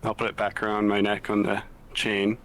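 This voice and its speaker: A man's voice: fairly low pitch, completely flat delivery, moderate pace, a bit bright, slight background noise. A man playing a tabletop game, talking casually and partly in character.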